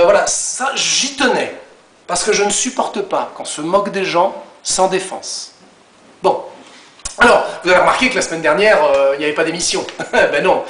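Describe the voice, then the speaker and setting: A man's voice: sits high, fairly bright tone, roomy sound. A man doing a comic recap rant as host, mocking and scornful.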